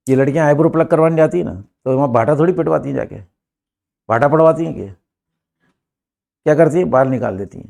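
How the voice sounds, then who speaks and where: A man's voice: fairly high pitch, fast talker, creaky, pauses often, a little mellow. An older man with an Indian accent teaching English to a class, asking emphatic rhetorical questions, recorded from a far camera in a classroom. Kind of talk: classroom lesson.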